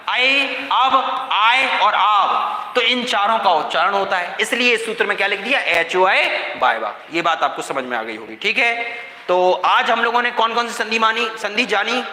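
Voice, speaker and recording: A man's voice: very high voice, sharp tone. A man teaching a recorded grammar lesson, repeating points and quizzing his students with questions. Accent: Hindi-speaking India. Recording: echoey room with long reverb.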